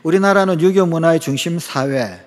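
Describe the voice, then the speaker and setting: A man's voice: fairly high pitch, moderate pace. A middle-aged man, preaching a sermon as a pastor, telling stories, acting out quoted lines and asking the congregation questions. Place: church sanctuary. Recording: long church reverb.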